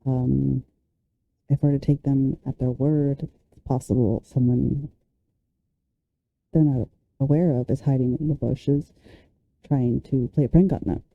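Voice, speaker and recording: A woman's voice: rumbling low, fairly even intonation, unhurried, vocal fry, pauses often, no echo, phone-quality sound. A woman reacting casually to video clips, rambling with lots of fillers and the odd curse. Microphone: handheld or desk mic close up.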